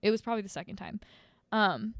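A young adult woman in casual chat, reacting with animated exclamations and sharing stories full of "like". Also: medium pitch, fast talker, no echo, studio quality. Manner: chatty, animated reactions, many "like" fillers.

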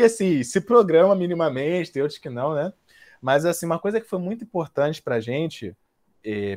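A young man speaks fast in a slightly high voice, chatty and self-mocking. He is a guest in a relaxed podcast conversation and keeps a loose, joking tone. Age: 20s. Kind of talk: casual podcast interview.

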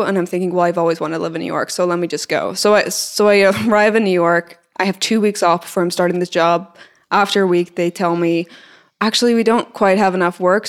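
A woman in her thirties with a Northern Irish accent, a podcast guest telling her story in a chatty way. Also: fairly low pitch. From Northern Ireland. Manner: chatty storytelling, laughs easily. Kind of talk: casual podcast interview.

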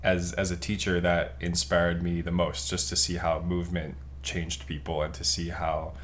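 A young man from Taiwan talks as a podcast guest in an earnest, reflective way, stopping to restart his thoughts. His voice is very deep, and faint hiss sits behind it. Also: completely flat delivery, normal speed, fairly bright tone. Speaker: podcast guest, physical therapist. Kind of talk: casual podcast chat.

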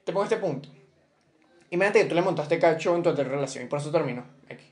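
A man's voice: on the high side, expressive, quick pace, darkish tone. A young man with a Venezuelan accent co-hosting a podcast in casual chat, slangy and joking, working through hypothetical examples. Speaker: podcast co-host.

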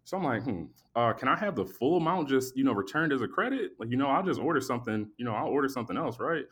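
A sleepy man hosts a podcast and tells a long story in a loose, animated way. He swears freely and plays out both sides of a conversation in his own voice. His pitch sits in an ordinary middle range. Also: fast, slightly rough. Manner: animated, profane, acts out both sides of the exchange. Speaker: podcast host. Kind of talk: casual storytelling.

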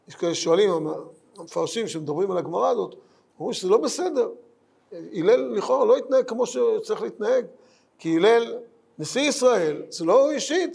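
A man's voice: high-pitched, gravelly, a little mellow. A man giving a Talmud lesson in an earnest way, asking rhetorical questions and repeating his points. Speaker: Torah teacher.

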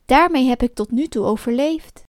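A woman voicing an old, gentle woodcarver father in a storybook reading, speaking warmly and emotionally. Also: sits high, moderate pace, dry recording, studio quality, close to an everyday voice. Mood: earnest. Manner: warm, emotional.

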